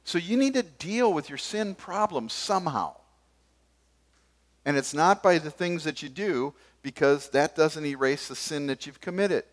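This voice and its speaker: An older man preaching a sermon from a church pulpit, gesturing as he moves between forceful emphasis and sudden quiet asides. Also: fairly high pitch, expressive, a little slow. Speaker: pastor. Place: church stage behind a wooden pulpit.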